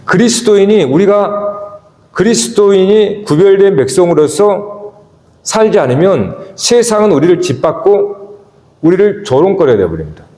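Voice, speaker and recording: A man preaching a sermon as pastor of a church, asking the congregation questions and swinging between emphatic peaks and low, quiet stretches. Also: sing-song, normal speed. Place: church sanctuary. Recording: echoey church hall with long reverb.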